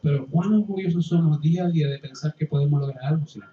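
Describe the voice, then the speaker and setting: Pastor guy preaching, high voice, gets loud then goes real quiet, roomy hall sound from far off. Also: fast talker, slight background noise. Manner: impassioned, swings from loud pleading to hushed. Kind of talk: sermon. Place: church hall. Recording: roomy, distant, dull church recording with faint ambience.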